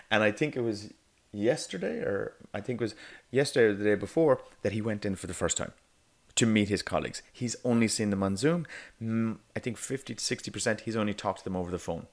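Speaking on the low side and expressively, an Irish man leads a negotiation course in chatty, easygoing narration for an animated whiteboard video. He checks in with "okay?", pauses with "um", and slips in light laughs mid-sentence.

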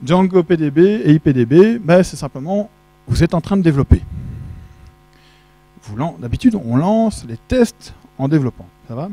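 There's no room sound on this clip of a middle-aged man with a warm voice on the high side, expressive at a moderate pace. In French, he gives a relaxed, joking tech conference talk, quizzing the crowd via handheld mic in a large dark auditorium with a projection screen.

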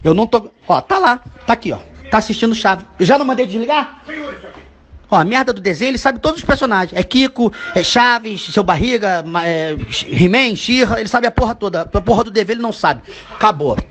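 A man's voice: high voice, expressive, brisk, a bit bright. A man dubbing a fed-up ranting dad. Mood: exasperated rant. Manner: ranting, crude, keeps asking "you understand?". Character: fed-up middle-aged father ranting, crude, exasperated. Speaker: comedy voice dubber. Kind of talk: comedic dub of a voice message.

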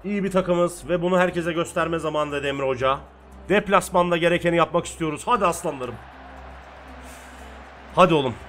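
Young man, fired-up play-by-play gaming commentary, higher-pitched voice, faint music behind. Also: fairly quick, pauses often. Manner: shouts encouragement at his players, calls play-by-play. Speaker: gaming streamer. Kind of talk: excited football game commentary.

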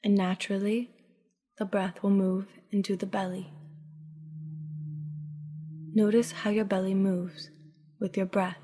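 A woman narrating a guided sleep meditation like a sleep story, calm, unhurried and soft-spoken, with breathy phrase endings. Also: mid-range voice. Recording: long reverberant tail on voice.

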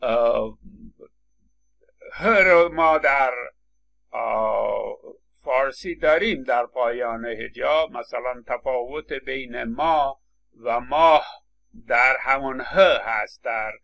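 A man's voice: mid-range voice, gravelly, long pauses, a bit bright. A man lecturing on English phonetics, explaining step by step with frequent hesitation fillers. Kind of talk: university lecture.

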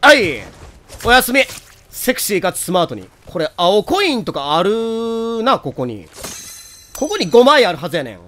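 A young man with a Kansai accent giving excitable, joking commentary on a game he is playing, with loud outbursts. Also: high-pitched, normal speed. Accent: Kansai Japanese. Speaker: gameplay commentator.

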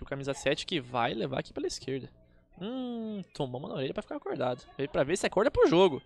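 Animated Brazilian male football commentator. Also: a little high. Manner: informal, colloquial. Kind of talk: live football match commentary.

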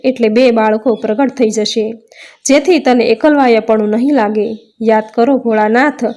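A woman's voice: a little high, dark tone, close to an everyday voice. A woman voicing a goddess mother who pleads and scolds in a devotional storybook tale, in a near-everyday reading voice. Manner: pleading then stern in reproach. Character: grieving, indignant goddess mother.

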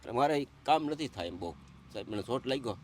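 A man's voice: mid-range voice, lively intonation, quick pace, darkish tone, a little hiss or hum. A middle-aged man, crying and pleading, telling of his hardship and calling the interviewer sir again and again. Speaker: interviewee, father in need. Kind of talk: emotional conversation.

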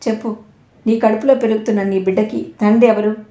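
A woman's voice: medium pitch, fairly even intonation, a little fast, dark tone, echoey room, lightly acted. A woman voicing an angry, suspicious young husband who mocks and accuses his wife in a harsh way.

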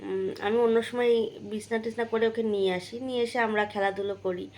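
A woman's voice: medium pitch, steady tone, quick pace, darkish tone, a little hiss or hum, rough recording. A young woman from West Bengal, chatting casually to her viewers in a vlog, with many fillers and restarts. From West Bengal, India. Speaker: vlogger.

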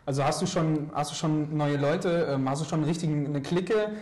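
A man's voice: fairly high pitch, moderate pace, darkish tone. Young man hosting, roomy studio. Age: young adult. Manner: hesitant, many fillers. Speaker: host. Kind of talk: student TV studio interview. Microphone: lapel mic.

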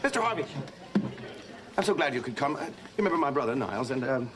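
A man's voice: mid-range voice, very animated, quick pace, natural voice. An actor playing a pompous, eloquent American man in his forties in a sitcom, speaking formally and theatrically. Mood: conciliatory, polished. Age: 40s. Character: pompous, righteous, theatrical older brother. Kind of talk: sitcom acting before a live audience. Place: busy cafe set. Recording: noisy sitcom soundtrack with audience.

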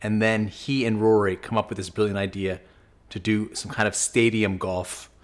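A man in his forties hosting an opinionated commentary vlog from a small home office, talking close into a boom mic in a sarcastic, argumentative way. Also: little pitch movement, normal speed. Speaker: host. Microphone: studio mic on boom, close.

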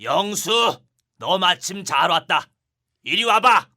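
A man voicing a stern adult male librarian in an animated cartoon, speaking with admonishing authority. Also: high-pitched, takes it slowly, full character voice. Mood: scolding.

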